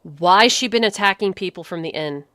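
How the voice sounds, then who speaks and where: A woman's voice: mid-range voice, moderate pace, bright, forceful tone, no echo, studio quality. A woman streaming a video game, chatting casually and cracking sarcastic jokes. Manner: sarcastic, joking. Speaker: gaming streamer. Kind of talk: casual chat over gameplay.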